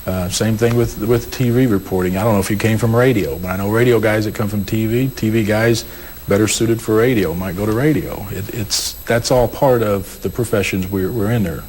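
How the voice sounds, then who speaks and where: A man's voice: on the low side, brisk, a little mellow, a little hiss or hum, rough recording. A man, a state legislator and former prosecutor, explaining his views on a panel, often repeating words as he thinks. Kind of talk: panel discussion.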